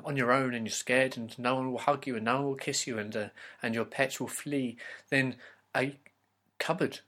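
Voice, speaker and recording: A man's voice: mid-range voice, fairly bright tone. Man rambling absurdly in improv. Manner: rambling, absurd, halting with fillers. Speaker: comedian.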